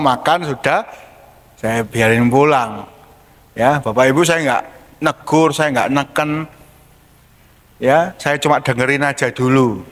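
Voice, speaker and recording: A man's voice: fairly high pitch, a bit bright. A man, a pastor preaching a storytelling sermon in a casual, colloquial way. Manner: conversational, colloquial. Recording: long church hall reverb.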